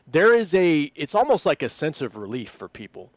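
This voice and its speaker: A man's voice: a little high, big pitch swings, normal speed, dry recording. A man co-hosting a casual sports podcast who speaks in a reflective, thoughtful way. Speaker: podcast co-host.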